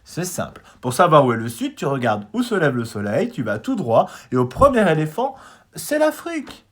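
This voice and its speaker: A man voicing a boastful, bossy male blackbird who is quick to take offense, in a children's storybook reading. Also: fairly high pitch, wildly swooping pitch, voice pushed up, heavily acted. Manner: loud, self-assured, proclaims his own name.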